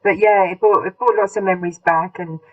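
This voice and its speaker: A woman's voice: mid-range voice, fairly even intonation, a little fast. A woman co-hosting a casual podcast, giggly, candid and chatty. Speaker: podcast co-host. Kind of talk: casual chat. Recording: dull lo-fi sound.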